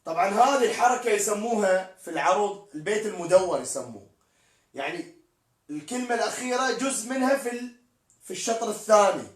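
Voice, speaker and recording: A man's voice: high voice, lively intonation, quick pace. A man teaching poetic meter in a live-streamed lesson, spelling out words letter by letter as he explains. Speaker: poetry teacher. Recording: echoey room, distant mic.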